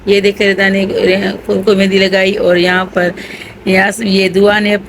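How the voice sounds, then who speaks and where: A woman's voice: mid-range voice, monotone, background noise. A woman vlogger from Pakistan, narrating a casual home vlog while tired with a headache. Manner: chatty, narrating what family members are doing. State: headache, low energy.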